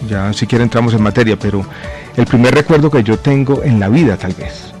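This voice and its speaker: A man in his forties, a government minister, answering radio interview questions in a measured, reflective way with many pauses and fillers. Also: mid-range voice, darkish tone, soft background music. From born in Chile, raised in Colombia. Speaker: guest, health minister.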